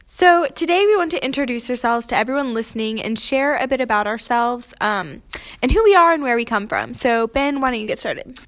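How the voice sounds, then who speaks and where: A young woman from Missouri co-hosting a casual podcast. She talks in a friendly, easygoing way, often using fillers, and her voice sits a little high. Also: animated, fairly quick, a bit bright. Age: young adult. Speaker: podcast co-host. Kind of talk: casual chat.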